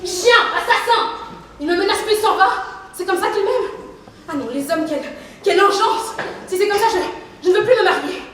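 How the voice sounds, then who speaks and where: A woman's voice: very high voice, animated, moderate pace, fairly bright tone, a little hiss or hum. A teenage girl playing a proud, fiery young woman in a school stage play, snapping back with spiteful retorts. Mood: furious. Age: teens. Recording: echoey hall from far off.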